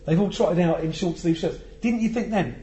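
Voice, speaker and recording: A man's voice: sits high, lively intonation, moderate pace, mellow, reverberant, a little hiss or hum. A man co-hosting a casual football podcast, wry and grumbling. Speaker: podcast co-host.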